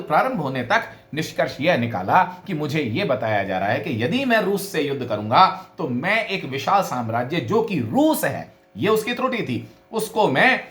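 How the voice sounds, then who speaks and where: A middle-aged man teaches logic in a recorded video lecture. His pitch moves a lot as he leans on words to show how stress changes meaning, with an occasional "uh" between phrases. The room around him echoes noticeably. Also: a bit bright. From India. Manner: deliberate explaining, stresses words to demonstrate meaning, frequent "uh" fillers. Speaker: philosophy professor.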